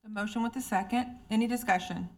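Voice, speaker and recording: A woman's voice: medium pitch, fast talker, a little mellow. A woman chairing a committee meeting, running procedure in a polite, formal way.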